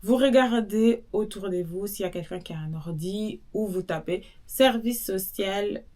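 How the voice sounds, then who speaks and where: A young woman, a social worker chatting straight to viewers with practical advice and lively asides. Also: mid-range voice, unhurried. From Belgium. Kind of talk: casual advice vlog.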